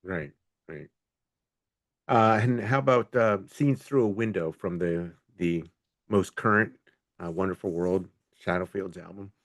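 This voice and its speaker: A man hosting a music interview, asking relaxed questions and giving brief affirmations. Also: low-pitched, measured pace, dry recording, studio quality. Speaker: interview host.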